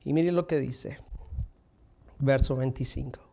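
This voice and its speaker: A man in his thirties preaching a sermon on a stage, swinging between forceful emphasis and hushed, near-whispered lines. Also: mid-range voice, unhurried, gravelly. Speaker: pastor. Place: stage in front of a curtain, indoors.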